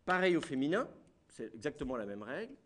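A man's voice: a little high, sing-song, brisk, a little hiss or hum. Man teaching a class. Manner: explains step by step, asks the class questions. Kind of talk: classroom lecture.

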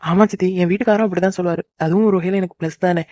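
Rapid-talking soft-hearted cartoon sister voiced by a woman. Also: fairly low pitch, fairly even intonation, lightly acted. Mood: caring. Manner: rapid, caring, cries easily. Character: cheerful married young woman, soft-hearted elder sister. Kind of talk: cartoon voice acting. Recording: dry, dull lo-fi recording.

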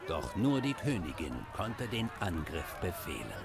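An actor playing a grave storyteller, narrating a fantasy video game like a storybook. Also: male voice, deep voice, big pitch swings, unhurried, over a noisy crowd, very noisy, exaggerated voice. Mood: grave, dramatic. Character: grave male storyteller of a war tale.

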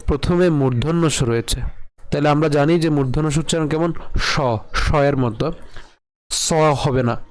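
A man teaching Sanskrit verse pronunciation, patiently breaking words down letter by letter and chanting lines slowly. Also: a little high, a little mellow, low-quality recording. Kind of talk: spoken pronunciation lesson with slow chanted verse.

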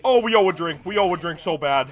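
A man's voice: high-pitched, animated, fast talker, slight background noise. A young man giving casual gameplay commentary to viewers, rambling and repeating himself in a tipsy way. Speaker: gaming video creator. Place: small indoor room at a gaming setup.

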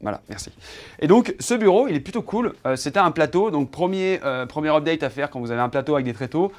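A man with a voice pitched a touch high talks to camera in loose, joking chat. He shows off his new setup from his home office indoors. He keeps up a playful, teasing back-and-forth with his cameraman. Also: lively intonation, fast, soft background music. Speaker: YouTuber showing his desk setup.

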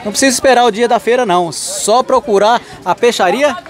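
A man's voice: extremely high pitch, fairly quick, a faint crowd. A man from Mato Grosso do Sul filming a walking tour of an outdoor street market, greeting vendors and thanking his followers. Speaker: market vlogger.

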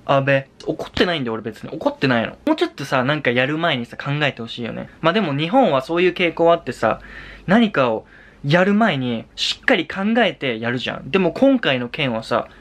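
A man's voice: on the high side, very animated, fairly quick, a bit bright. Young Japanese man ranting casually. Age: young adult. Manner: exasperated, repetitive, switching into English swearing. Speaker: vlogger and Japanese tutor. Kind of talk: casual vlog rant.

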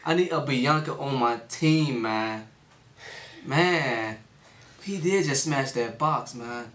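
A man's voice: medium pitch, takes it slowly, fairly bright tone, roomy sound, a little hiss or hum. A man hosting a casual reaction video, talking in a laid-back way with chuckling asides. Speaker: channel host reacting to a video.

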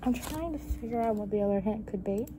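Chatty young woman, loud background noise. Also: medium pitch, fairly quick. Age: young adult. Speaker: student vlogger. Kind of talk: casual chat. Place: large indoor campus room. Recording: noisy room ambience, camera mic.

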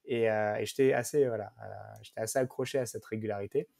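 A man co-hosts a casual tech podcast chat. His voice is gravelly, and it is recorded close up with dry, roomless sound. He halts constantly, filling gaps with "euh" and repeating words. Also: lowish voice, steady tone, a little mellow, no echo. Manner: halting, heavy "euh" fillers and stutters. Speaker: podcast co-host.

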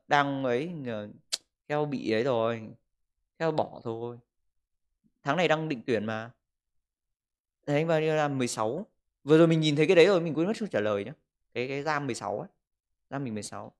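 A man, livestreaming from a room at home and joking crudely as he reads viewer comments into a desk mic. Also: medium pitch. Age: 20s. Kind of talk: casual livestream chat. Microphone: desk microphone.

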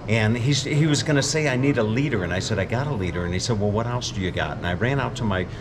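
A playful, rambling man hosting a casual outdoor walk-and-talk, his pitch bouncing up and down as he chats. The recording is thick with loud outdoor noise. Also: expressive, fast. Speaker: host. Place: outdoors by a creek.

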